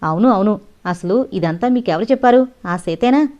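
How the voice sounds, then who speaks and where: A woman voicing a hot-tempered, scheming older male schoolmaster who shouts in fury, in an audio novel. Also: medium pitch, brisk, natural voice. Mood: furious. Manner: furious shouting. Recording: dull lo-fi audio.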